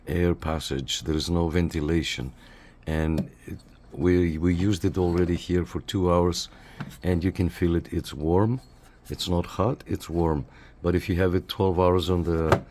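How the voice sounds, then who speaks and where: His voice low-pitched and a little mellow, a Canadian man gives a casual hands-on review of radio gear as he runs it. He frequently repeats short phrases, over clear background noise.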